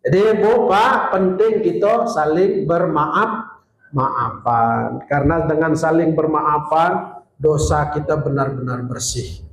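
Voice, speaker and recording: Man, preacher, Jambi Malay accent, joking storyteller, fairly high voice, echoey hall. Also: slow. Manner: jokey storytelling, acts out dialogue. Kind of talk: humorous sermon with anecdotes.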